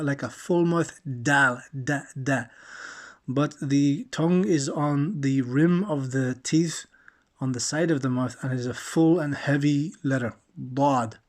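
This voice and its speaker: A man teaching the pronunciation of Arabic letters, modelling each sound slowly and checking in with "okay?" as he goes. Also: on the high side. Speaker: Quran recitation teacher. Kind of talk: slow, patient pronunciation lesson.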